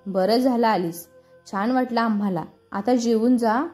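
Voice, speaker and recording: Woman playing a middle-aged mom in a marathi story, motherly, fussing, mellow voice, light music behind. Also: fairly high pitch, measured pace, natural voice. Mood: fond. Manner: fond, motherly reasoning. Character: caring middle-aged mother, gently scolding.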